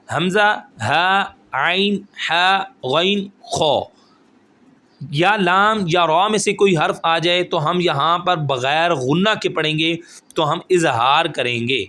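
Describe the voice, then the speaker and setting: A man's voice: on the high side, fairly bright tone. A man teaching Quran recitation rules step by step, explaining patiently and often checking that the listener follows. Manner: explains rules patiently, then recites phrases slowly and drawn out.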